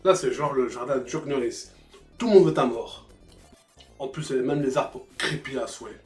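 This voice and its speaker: Sarcastic and profane, the host of a retro game review show narrates a funny scripted review at moderate speed, his pitch sitting in the medium range. Music runs underneath, and the room gives the sound a noticeable echo.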